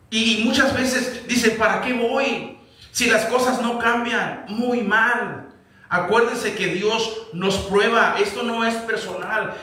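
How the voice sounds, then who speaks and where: A pastor preaches in a high, bright voice, pressing his congregation with question after question. His words ring through a very echoey church hall, and the mic sits some distance from him. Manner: asks the congregation repeated rhetorical questions. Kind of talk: sermon. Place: church sanctuary.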